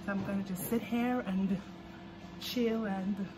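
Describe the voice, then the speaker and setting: A woman's voice: mid-range voice, steady tone, a little slow. A young woman, a medical student, chatting casually to her phone camera in an upbeat way, often saying "literally" and "like". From Saint Lucia. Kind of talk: casual vlog chat. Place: stadium, kitchen, hospital hallway and lab. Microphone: phone camera at arm's length. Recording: phone vlog with clear background noise.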